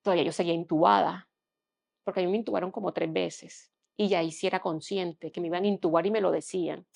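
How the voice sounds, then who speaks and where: A young woman giving an earnest personal testimony as a podcast guest, often dropping to a hushed tone. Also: on the low side, fairly even intonation, quick pace, creaky.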